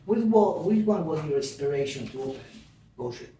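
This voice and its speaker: A man's voice: fairly high pitch, lively intonation, fairly quick, a little hiss or hum. A man, a gym owner, telling stories in loose on a casual podcast. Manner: non-native grammar, warm storytelling. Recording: very echoey room, mic far off.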